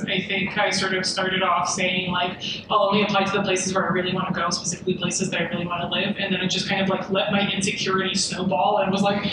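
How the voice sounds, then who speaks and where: A woman from Serbia talks casually on a panel, poking fun at herself with plenty of fillers. Her voice comes from far off in a very echoey room over a noisy background. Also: medium pitch. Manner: casual, self-deprecating, fillers. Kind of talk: panel talk, personal experience.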